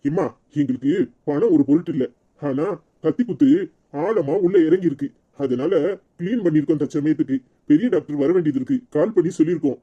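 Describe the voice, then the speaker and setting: A man voicing a brisk hospital doctor who lectures his staff, with a Tirunelveli Tamil accent. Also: fairly high pitch, breathy edge. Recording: dull lo-fi recording.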